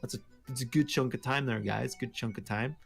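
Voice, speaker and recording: A man's voice: mid-range voice, a little fast, gravelly, breathy edge. A man hosting a casual gaming live stream, playfully teasing his co-hosts and hyping up announcements. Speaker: podcast host.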